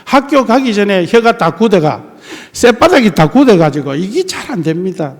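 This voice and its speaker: An older male pastor preaches in a strong Tongyeong-Geoje Gyeongsang dialect, his voice pitched high with a gravelly edge. He is folksy and humorous and slips into little voices for the people he quotes. The sermon is caught in a church sanctuary with a long, ringing reverb. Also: big pitch swings, moderate pace. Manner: folksy, acts out dialogue in many voices, jokes with the congregation.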